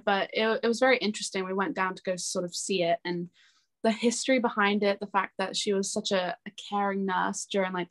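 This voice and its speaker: A young adult woman, a singer-songwriter appearing as an interview guest, chats casually and informally. Her voice is medium-pitched and a bit bright.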